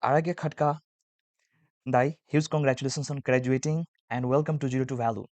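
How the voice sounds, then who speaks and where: A man's voice: medium pitch, steady tone, fairly quick, darkish tone, no echo. A man from Nepal, hosting a casual interview podcast in a friendly, complimentary way. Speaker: podcast host.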